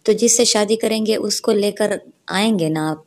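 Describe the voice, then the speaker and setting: A woman's voice: on the low side, fairly even intonation, moderate pace, darkish tone, lightly acted. Woman voicing a naive young sister. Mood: surprised. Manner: innocent, surprised.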